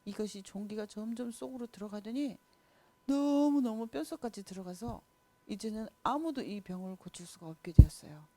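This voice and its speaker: A woman's voice: mid-range voice, expressive, moderate pace, dark tone, no echo. A woman teaching a children's Sunday school class, telling a Bible story expressively and speaking directly to the children.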